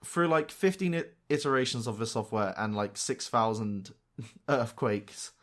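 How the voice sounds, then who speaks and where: A man's voice: mid-range voice, a little slow, fairly bright tone. A man co-hosting a casual podcast, joking and laughing as he gives loose explanations. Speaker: podcast co-host. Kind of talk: casual chat.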